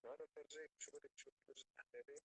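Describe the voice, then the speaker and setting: A man with a raspy, creaky voice, chatting casually. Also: a little high, huge pitch swings, racing, a bit bright, no echo, poor audio. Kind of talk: casual chat.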